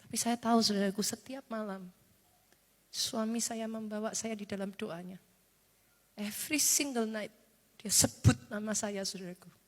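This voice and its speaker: A woman's voice: medium pitch, fairly even intonation, normal speed. A woman in her forties preaching a sermon as pastor, telling a personal story in an intimate way, often addressing the congregation and mixing in English phrases. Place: large church hall. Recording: long church hall reverb with music behind.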